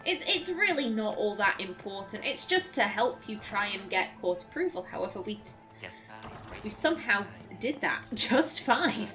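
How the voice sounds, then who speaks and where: A young let's play host chats her way through gameplay in a medium-pitched, bright, forceful voice that's expressive and moderately paced. She's giggly and chatty, interrupts herself, and stumbles over words during casual commentary, with soft background music.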